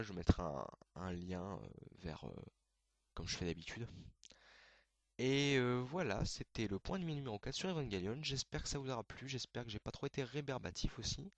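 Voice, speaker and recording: A man hosting a casual anime video, explaining terms in a hesitant way, full of fillers and quick self-corrections. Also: medium pitch, no echo.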